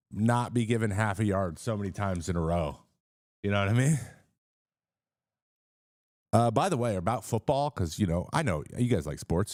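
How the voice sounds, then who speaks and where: A man's voice: lowish voice, a little mellow, dry recording, clean studio sound. A man in his thirties hosting a casual sports live stream, rambling with fillers and restarts and greeting viewers in the chat.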